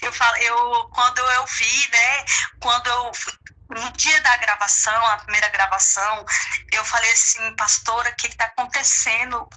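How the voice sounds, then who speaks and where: A woman's voice: on the high side, level tone, moderate pace, bright, forceful tone. A woman gospel singer giving a casual testimony in an interview, chatty and laughing, with lots of fillers. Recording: tinny phone-line audio.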